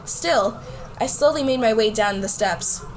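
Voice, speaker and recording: In an amateur radio play, a woman takes the part of an anxious, puzzled schoolgirl recounting her tale and voicing its dialogue. Her pitch is fairly high but her delivery is measured and close to everyday speech, on a rough recording.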